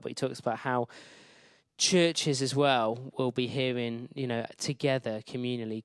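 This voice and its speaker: A man speaks in a smooth, clear voice with a dry, close sound. He teaches informally, in a conversational and somewhat hesitant manner, often rephrasing himself. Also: medium pitch, dry recording. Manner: conversational, hesitant, self-correcting. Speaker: speaker presenting a book.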